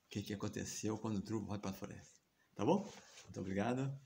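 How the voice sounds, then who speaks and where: Gravelly Brazilian man telling a story. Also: fairly low pitch, quick pace, mellow, slight background noise. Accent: Brazilian Portuguese. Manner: chatty, frequent tag questions and chuckles. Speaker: devotional teacher. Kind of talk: casual storytelling of scripture.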